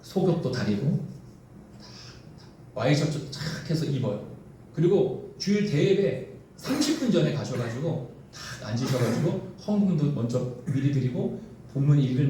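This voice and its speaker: A pastor preaching a sermon in a church sanctuary, telling a story to the congregation with lots of animation. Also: male voice, medium pitch, mellow. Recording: echoey hall from far off, faint noise.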